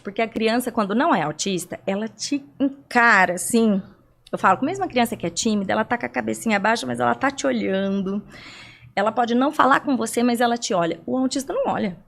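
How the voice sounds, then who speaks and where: A woman's voice: a little high, brisk, gravelly. A young adult woman from Brazil, a guest on a podcast interview, explaining things at length with rhetorical questions and everyday examples.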